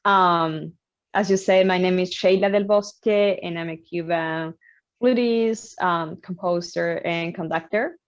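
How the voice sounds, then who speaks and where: Young cuban woman, lowish voice, dull lo-fi sound, lots of ums. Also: measured pace. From Cuba. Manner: thoughtful, many fillers and restarts. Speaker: guest musician. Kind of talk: casual interview.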